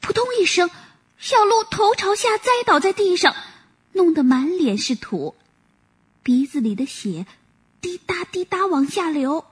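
A woman gently narrating a children's story. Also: very high-pitched, animated, unhurried.

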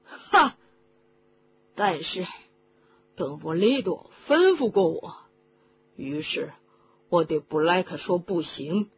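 A woman doing a loud, emotional giant gamekeeper. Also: fairly low pitch, expressive, slow pace, pauses often. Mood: indignant. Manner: loud, heated, choking up. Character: huge gruff male gamekeeper, emotional and loud. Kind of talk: audiobook reading. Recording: dull lo-fi recording with faint hum.

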